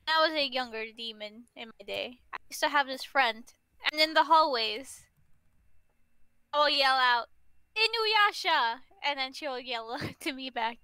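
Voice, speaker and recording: A woman with a high, bright, smooth voice co-hosts a casual art stream. She chats and tells funny stories, and her mic sounds close and dry. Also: moderate pace, dry recording. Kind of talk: casual chat on a live stream.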